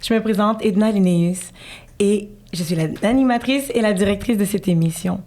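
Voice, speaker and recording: A woman's voice: mid-range voice, normal speed, dark tone. A woman hosting an interview show, attentive and encouraging her guest with short interjections. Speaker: host.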